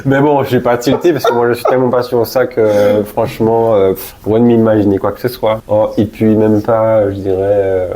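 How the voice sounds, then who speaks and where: A man from Guadeloupe, a real estate agent, telling anecdotes in an interview, pausing to search for words. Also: on the low side, level tone, dark tone. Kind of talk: casual interview storytelling.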